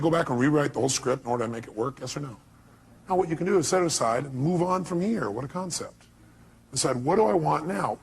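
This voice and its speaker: A man giving a motivational seminar talk, animated and acting out the voices he quotes, sometimes shouting. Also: medium pitch, vocal fry, a little hiss or hum. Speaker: motivational speaker.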